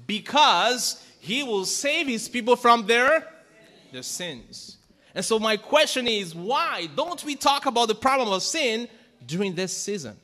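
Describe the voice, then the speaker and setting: Through a pulpit microphone, a middle-aged pastor delivers his sermon in an extremely high, pushed, bright voice, very animated yet at a measured pace. He asks the congregation questions and rises to emphatic peaks as long church-hall reverb trails each line.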